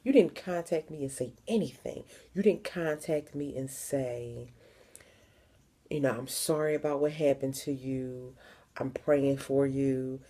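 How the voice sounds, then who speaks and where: A woman's voice: extremely low pitch, a little slow, warm tone. A young adult woman from the Philadelphia area, talking frankly and emphatically in a personal vlog, repeating words for stress. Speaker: vlogger.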